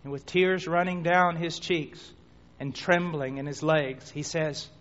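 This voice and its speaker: A man preaching a sermon, telling a dramatic story that swings between hushed near-whispers and shouts. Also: on the high side, fairly even intonation, measured pace. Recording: dull lo-fi recording.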